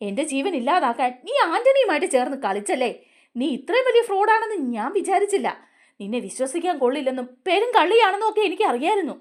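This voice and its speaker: A stern man from a TV serial scolds and demands answers, voiced by a woman retelling the episode. The voice is high and lively in its pitch swings. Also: fast. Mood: scolding. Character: stern older brother figure, scolding.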